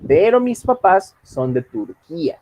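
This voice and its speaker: Lively male teacher. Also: sits high, muffled recording, a little hiss or hum. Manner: explains slowly in Spanish, reads English lines carefully. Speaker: English teacher. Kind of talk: online class, teaching.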